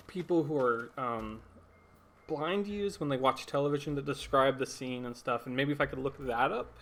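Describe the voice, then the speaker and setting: A young man hosting his own podcast, talking casually and rambling, correcting himself and chuckling at his own tangents. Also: fairly high pitch. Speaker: podcast host. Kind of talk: casual solo podcast talk.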